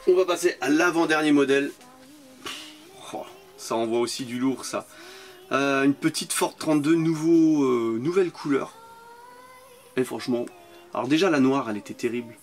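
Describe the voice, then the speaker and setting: Enthusiastic French collector man. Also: medium pitch. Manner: enthusiastic, repeats words for emphasis. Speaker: toy car collector vlogger. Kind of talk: casual unboxing commentary.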